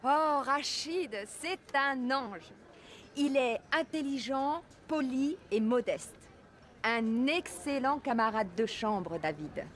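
A woman's voice: high-pitched, animated, slow, a little hiss or hum. A woman in her thirties playing a fussy café owner in a scripted language-course drama, scolding and exclamatory. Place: café, indoors and on a terrace.

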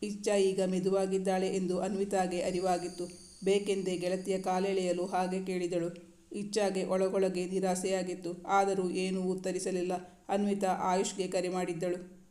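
Flat-voiced woman narrating a storybook. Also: fairly low pitch, normal speed. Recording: roomy echo.

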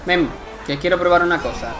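A young man from Spain with a Spanish accent, commenting live on his gameplay, excitable and swearing often in frustrated outbursts. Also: high voice, a little fast, over music. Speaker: gaming youtuber.

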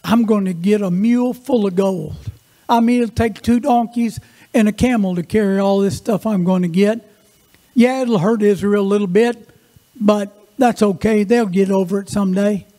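A man's voice: high voice, normal speed, warm tone, close to an everyday voice. A male preacher voicing a greedy prophet in a retold story, eager and folksy. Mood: greedy excitement.

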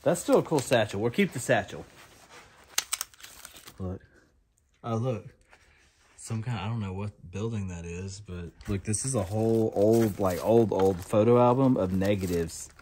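A man, chatting excitedly and rambling as he unpacks boxes in a cluttered storage room. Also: lowish voice, unhurried, pauses often, a little hiss or hum. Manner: excited, rambling, talks to viewers as y'all. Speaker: storage unit reseller host. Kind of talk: casual unboxing chat.

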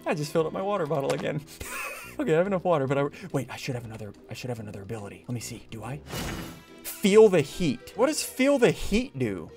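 A young man giving excited gameplay commentary, swinging between loud outbursts and quiet muttering. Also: medium pitch, rapid-fire, soft background music. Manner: animated, jumps between shouting and muttering. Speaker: gaming video host.

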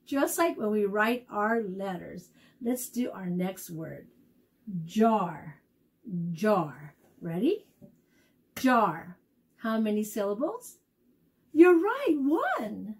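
A woman teaching young children at circle time, speaking in a slow, encouraging, sing-song way as she sounds out letters and claps syllables. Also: on the high side, breathy edge. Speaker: preschool teacher.

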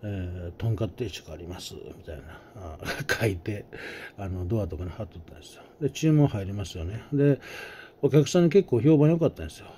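Mellow-voiced Kansai storyteller man. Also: lowish voice, expressive, brisk, husky. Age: middle-aged. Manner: chatty, folksy, acts out the voices. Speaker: storyteller host. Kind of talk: casual anecdote telling.

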